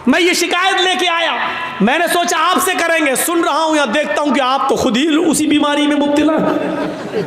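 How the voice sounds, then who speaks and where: A man voicing a flustered young husband who shouts out his complaint about his wife. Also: very high-pitched, hardly any pauses. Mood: exasperated. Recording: echoey room.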